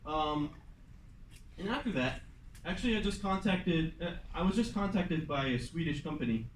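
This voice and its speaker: A young man with a fairly high, animated voice and normal pace presents the semester plan to a class as a student club president. He keeps it loose and chatty, with many fillers and some switches into Mandarin. The recording has slight background noise and comes from far away in an echoey classroom.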